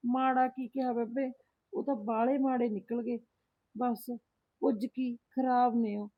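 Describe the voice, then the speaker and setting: A woman's voice: fairly high pitch, little pitch movement, a little slow, no echo. A young woman playing a distressed married daughter who pleads tearfully about her in-laws in a rural family drama. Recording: thin phone-like sound.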